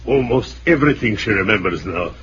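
A man's voice: fairly low pitch, animated, brisk, lightly acted. Radio sidekick male actor, foreign accent, loyal, comic broken English, muffled old recording with faint noise. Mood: dutiful. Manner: comic, mangled phrasing. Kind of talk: old-time radio drama acting.

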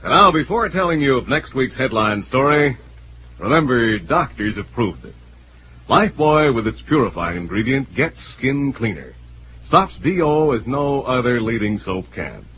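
A man's voice: mid-range voice, sing-song, normal speed, sharp tone, slight background noise. An American man announcing in an old-time radio style, formal and emphatic, reading scripted narration and sponsor copy. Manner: emphatic, formal salesman delivery. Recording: dull vintage radio recording, music behind. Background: music.

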